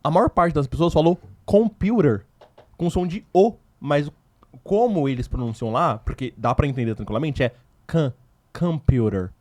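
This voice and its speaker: A man's voice: on the high side, fairly quick, dry recording. A man hosting a podcast interview as a language teacher, enthusiastic and explaining with examples. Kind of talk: casual interview.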